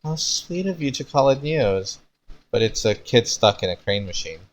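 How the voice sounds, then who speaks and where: A man's voice: mid-range voice, very animated, normal speed, pitched above the performer's own voice, lightly acted. A man voicing a friendly, apologetic young woman news reporter from a fanfiction story. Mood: teasing.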